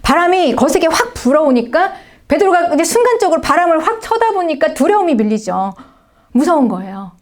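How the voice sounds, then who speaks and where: Higher-voiced woman pastor preaching animatedly. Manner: animated storytelling, acting out scripture voices; frequent affirming asides and soft drops to near-whisper. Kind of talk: sermon.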